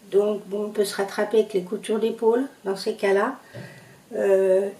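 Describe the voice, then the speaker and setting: A woman's voice: fairly high pitch, mellow, roomy sound, far from the mic, poor audio. A woman with a Parisian accent chatting through her sewing projects, hesitant with lots of fillers. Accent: Parisian French. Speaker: sewing vlogger. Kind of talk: casual show-and-tell vlog.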